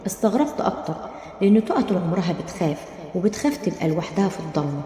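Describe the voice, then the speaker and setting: Egyptian woman, dramatic storyteller, low and fast, roomy echo. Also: sing-song, warm tone. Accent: Egyptian Arabic. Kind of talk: dramatic first-person storytelling. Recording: roomy, long reverb.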